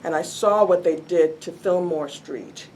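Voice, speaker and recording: At a city hall community meeting, an older woman who serves as an arts commissioner makes a statement in an earnest, emphatic way, describing her own voice as loud. She speaks unhurriedly in a fairly low pitch, with a bit of hiss or hum in the audio.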